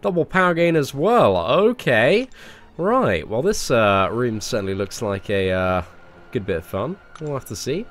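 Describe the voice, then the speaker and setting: This young English man chats with his viewers while live-streaming a mobile game, using lots of fillers and greeting them by name. His mid-range voice is very animated yet unhurried, and a cold gives it a slightly nasal sound.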